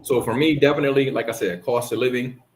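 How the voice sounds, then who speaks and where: A man's voice: mid-range voice, fairly even intonation, fast talker, rough recording. A man from the Bahamas hosting a casual chat, talking in a rambling way with lots of restarts. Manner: rambling, many restarts and fillers. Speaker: host.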